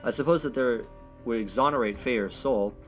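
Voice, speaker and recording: Reading a visual novel aloud for a let's play, a man voices both narration and dialogue briskly in a mid-range, slightly bright tone. He fumbles words and corrects himself, while game music plays under dull audio.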